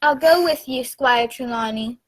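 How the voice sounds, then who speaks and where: A woman playing a frank gentleman doctor in a radio play, speaking in a measured, deliberate way. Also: high voice.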